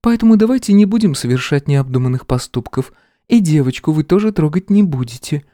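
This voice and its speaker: A male narrator puts on an icy, composed woman from a storybook reading. She speaks in a raised, lively pitch with calm poise, recorded close and dry. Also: a little fast, no echo, natural voice. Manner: cold and calm. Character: cold, composed woman teacher.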